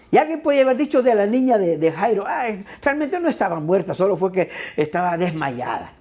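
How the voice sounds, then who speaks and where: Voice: mid-range voice, a little mellow. A pastor giving a sermon in a conversational way, checking in with tag questions and repeating words for emphasis.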